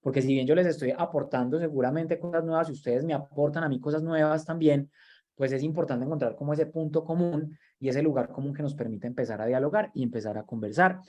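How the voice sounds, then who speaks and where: A fast-talking man in his 30s with a fairly high pitch and a dark tone presents a training lecture over a video call. A university lecturer and workshop trainer, he speaks conversationally and tends to repeat words as he reaches for the next one.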